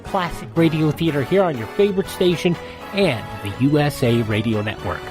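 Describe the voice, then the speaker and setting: A man's voice: a little high, animated, normal speed, music in the background. An American man hosting a radio show in a conversational style.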